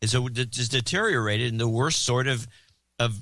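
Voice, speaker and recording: A man co-hosting a podcast, making blunt, wry remarks. His voice is bright and lively, recorded close with no room sound. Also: mid-range voice, moderate pace, no room sound. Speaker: podcast co-host. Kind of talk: casual chat.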